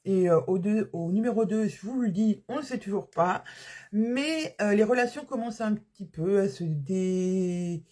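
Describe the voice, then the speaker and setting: A woman's voice: medium pitch, animated, moderate pace, warm tone, husky. A woman chatting casually about her weekly reading, hesitant and often correcting herself. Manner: hesitant, many fillers and restarts, self-correcting. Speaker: book podcaster. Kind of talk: casual book review chat.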